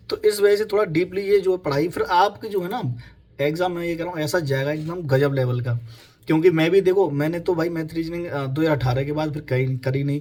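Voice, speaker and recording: A young man speaks off the cuff about how to prepare for an exam, in a slightly raised voice. His talk is loose and repetitive, full of fillers, and he keeps addressing listeners as his companions. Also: on the high side. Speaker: exam prep advisor. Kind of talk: casual spoken advice to exam aspirants.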